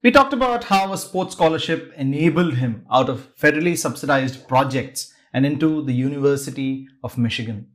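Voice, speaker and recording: A man's voice: mid-range voice, expressive, a little fast, hardly any pauses. A man hosting a podcast, narrating a scripted story with dramatic, varied pacing. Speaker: podcast host.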